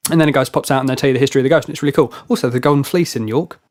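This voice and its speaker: Fast-talking young man telling stories. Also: mid-range voice, a little mellow. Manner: rambling storyteller, swears freely. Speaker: podcast co-host. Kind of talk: casual chat.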